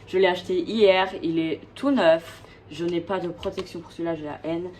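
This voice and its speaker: A woman's voice: fairly low pitch, steady tone, normal speed, darkish tone, slight background noise, poor audio. A woman vlogger chatting casually and gushing about her records, with many hesitations. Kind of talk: casual chat.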